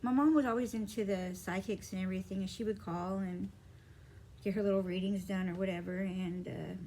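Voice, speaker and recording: A woman tells a childhood story to her camera in a loose, rambling way, full of fillers and quoted back-and-forth. Her voice sits at a middle pitch. A faint hiss of background noise runs under the recording. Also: fairly even intonation, fairly quick, dark tone, rough recording. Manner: rambling, many fillers, acts out quoted dialogue. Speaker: vlogger. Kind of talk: casual personal storytelling to camera.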